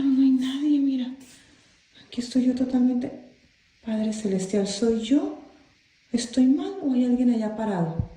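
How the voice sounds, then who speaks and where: A woman's voice: high voice, warm tone, roomy sound, low-quality recording. Nervous woman filming at night. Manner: anxious, repeating herself, asking who is there. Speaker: homeowner filming a haunting. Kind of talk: frightened phone-video commentary. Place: bedroom of a home at night. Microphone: phone camera.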